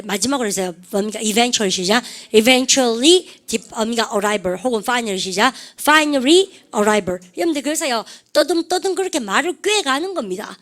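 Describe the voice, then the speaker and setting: A woman's voice: fairly high pitch, fairly bright tone. A Korean woman teaching an English vocabulary lesson, prompting students to repeat phrases in call-and-response drills.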